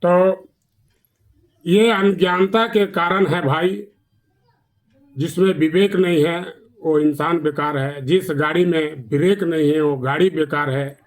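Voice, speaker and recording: A male storyteller, telling a village folk tale in a plain, earnest way. His voice sits slightly high for a man. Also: steady tone, takes it slowly.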